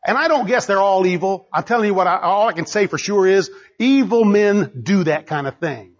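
Animated pastor preaching, muffled. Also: male voice, moderate pace. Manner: animated, swinging between loud exhortation and low asides. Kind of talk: sermon.

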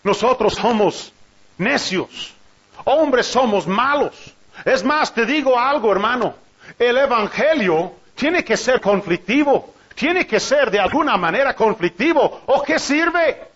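A man with a strikingly high voice preaches an animated sermon, piling up rhetorical questions and chuckling between points. The recording is dull and lo-fi. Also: slow pace, breathy edge.

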